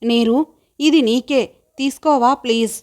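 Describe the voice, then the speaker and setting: A woman's voice: a little high, a little slow, lightly acted. Woman reading as an earnest young village woman. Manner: heartfelt, pleading.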